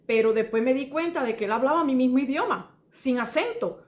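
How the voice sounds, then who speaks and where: A woman's voice: sits high, brisk. Earnest Cuban woman testifying, roomy sound. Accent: Cuban Spanish. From Cuba. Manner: earnest, rambling, restarts and repeats details, addresses listener as brother. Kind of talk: personal testimony. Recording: roomy echo.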